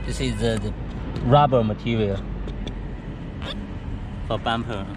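A man giving a product walkthrough of a go kart outdoors, speaking halting English with many fillers and restarts. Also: fairly low pitch, steady tone. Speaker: factory sales rep showing a go kart. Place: outdoors beside go karts on pavement. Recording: outdoor camera audio with background noise.

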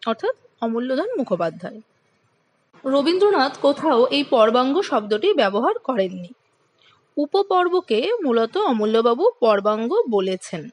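Woman teacher, high-pitched, clear and explanatory exam-prep lecture style. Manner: clear, explanatory, addresses students directly.

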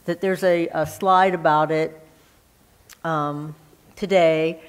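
Female church member making announcements, slow and low-voiced, hesitant with lots of fillers. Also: fairly even intonation, clean tone, rough recording.

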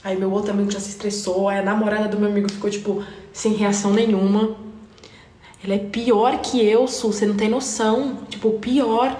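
A young woman, telling a story to her live stream viewers in an animated, slangy way. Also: medium pitch, a little fast, echoey room. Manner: animated, slangy, addresses chat directly.

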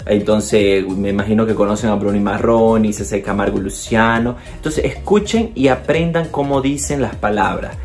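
A man's voice: on the low side, moderate pace, few pauses, soft background music. A man from Bolivia with a Bolivian Spanish accent, chatting casually to the camera and encouraging his viewers. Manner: chatty and encouraging, addresses viewers directly, often says "entonces". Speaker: video host giving language tips.

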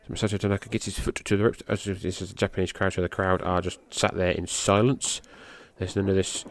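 A middle-aged man who hosts a podcast rattles off rambling, loose play-by-play of a match, cursing casually and lifting his voice whenever the big moves land. English is his first language, he talks fast, and the recording is dry.

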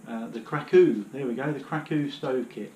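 A British man in his thirties talks casually through his hiking gear, rambling and filling pauses with ums and uhs. He kneels on the floor of his living room, picked up by a camera a few metres away. The room has a roomy echo, and clear background noise runs under his voice. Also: medium pitch, dark tone. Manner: chatty, rambling, many fillers. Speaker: outdoor gear vlogger. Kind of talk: casual demonstration.

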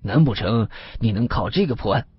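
A man's voice: lowish voice, animated, brisk, slightly rough. A man voicing a curious, jovial middle-aged police detective who talks in a chummy, colloquial way. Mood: curious, teasing. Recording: slightly muffled with faint music.

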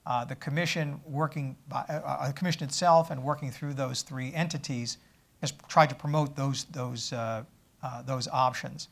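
Measured middle-aged man with gravelly voice. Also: mid-range voice, fairly even intonation, a bit bright. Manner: measured, halting with many fillers. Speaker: government official answering questions. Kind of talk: panel Q&A answers. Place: conference stage with audience.

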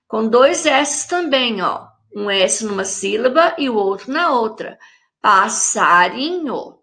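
A Brazilian woman teaching young children in a recorded remote lesson, with a high, bright voice. She talks slowly and patiently, drawing words out syllable by syllable. She keeps repeating the rule and asking the class if they follow. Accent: Brazilian Portuguese. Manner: repeats rules and checks in with the class. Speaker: primary school teacher.

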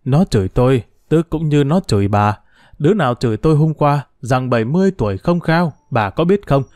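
A man narrator voicing a quick-tempered seventy-year-old village man who scolds his wife. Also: medium pitch, animated, darkish tone, no room sound, clean studio sound, close to an everyday voice. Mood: indignant. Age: 70s.

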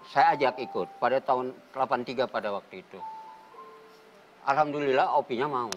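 Older man, measured and earnest. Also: medium pitch, highs cut off, over music. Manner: measured, searching for words, earnest. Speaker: theater group founder and guest. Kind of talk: reflective talk show storytelling.

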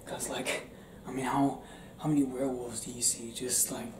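In a small indoor room with a roomy echo and clear background noise, a young adult man performs an intimate ASMR roleplay. He plays a restless, tender young werewolf confiding in his partner, speaking hushed, halting, and often in a whisper at a medium pitch with a level tone.

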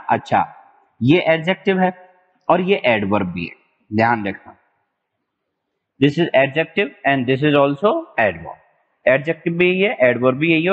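Guy from rajasthan teaching english words, drags and repeats stuff, sounds tinny like a phone, big echo. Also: mid-range voice. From Rajasthan, India. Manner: explains in a mix of Hindi and English, drawn-out repeated words, spells out letters. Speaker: exam-prep English teacher. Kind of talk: online vocabulary lesson.

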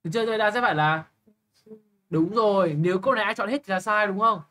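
Young male tutor, bright voice, brisk, blunt teasing, always asking "got it?". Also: high voice. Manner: brisk, keeps checking understanding with quick questions; blunt, teasing address to a student. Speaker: English tutor. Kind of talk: live tutoring lesson.

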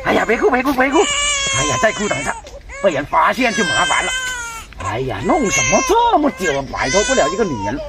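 A man acting a clumsy, nervous baby snatcher in a rural comedy skit, stammering and hushing a crying baby. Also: sits high, wildly swooping pitch, fast, exaggerated voice. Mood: flustered. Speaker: skit actor. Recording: distant mic, loud outdoor noise.

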